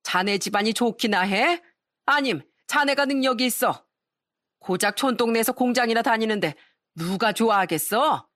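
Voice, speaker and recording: A woman's voice: on the high side, normal speed, a bit bright, no room sound, clean studio sound, close to an everyday voice. A woman voicing a bossy older mother-in-law who scolds and belittles her son-in-law in a raised, commanding tone. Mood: scolding contemptuous.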